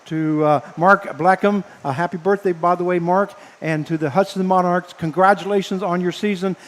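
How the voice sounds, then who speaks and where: A man broadcasting baseball, signing off live from the press box, speaking haltingly and earnestly with many fillers, emotional and choked up. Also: high voice, fairly even intonation. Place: press box above a ballpark. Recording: long hall-like reverb.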